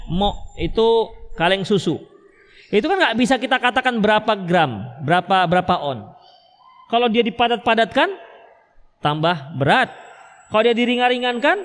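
A man's voice: high voice, fairly bright tone, big-room sound. A male Islamic preacher with a Medan Indonesian accent, giving a religious study lecture and answering questions, acting out little husband and wife dialogues.

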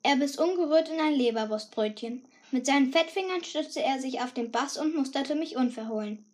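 A woman reading a first-person story aloud with a lively, cheeky teenage tone. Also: high voice, normal speed. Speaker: audiobook narrator. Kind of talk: scripted first-person narration.

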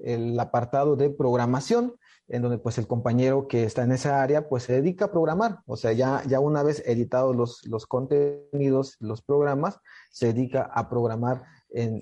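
A man with a Mexican Spanish accent and a dark, mellow voice talks about his community radio station. He halts often and fills the gaps with small hesitations. His tone stays plain and unhurried. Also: medium pitch, muffled recording. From Chiapas, Mexico. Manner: hesitant, many filler pauses. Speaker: community radio producer, guest. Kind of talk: casual explanatory talk.

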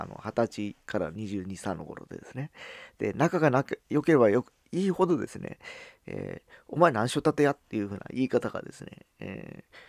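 Guy from fukuoka w a hakata accent, gravelly lowish voice, chatty solo talk full of ums, dry close sound. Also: darkish tone, no echo. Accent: Hakata dialect. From Fukuoka, Japan. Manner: halting, with frequent "um" fillers and drawn-out phrase endings. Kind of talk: casual spoken monologue.

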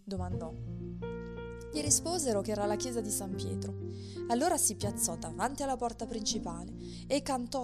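Woman reading a storybook aloud. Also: mid-range voice. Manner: even, expressive read-aloud. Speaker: narrator. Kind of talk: storybook narration. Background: soft music.

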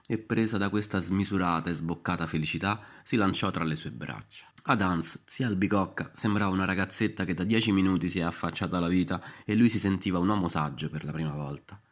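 A male storyteller with a fairly low voice who narrates in a wry, deadpan way. His delivery is irreverent and unhurried. The lines come out in a dry, understated voice.

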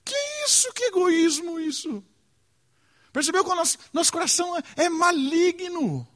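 A man delivers an earnest sermon. He leans on rhetorical questions and moves between soft, searching phrases and pointed emphasis. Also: extremely high pitch, animated, moderate pace. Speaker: preacher.

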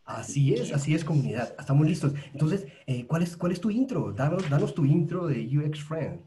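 A man's voice: a little high, very animated, brisk, dark tone, slight background noise. A young adult man from Colombia hosting a podcast, speaking with enthusiasm and addressing his audience directly. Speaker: podcast host. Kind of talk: casual conversational interview.

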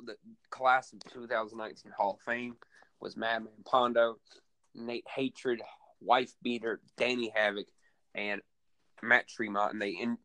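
A man's voice: medium pitch, pushed and bright, dry recording. A man recapping a wrestling event in casual podcast chat, rambling and full of fillers. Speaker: co-host recapping a wrestling show.

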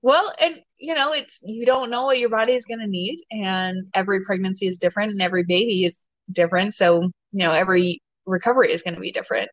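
A woman hosting a casual podcast chat, talkative and quick to laugh, with plenty of "you know" fillers. Her pitch sits at an ordinary middle height for a woman. The sound is dry and close, with no room echo. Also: steady tone. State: ten months postpartum. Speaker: podcast host and doctor.

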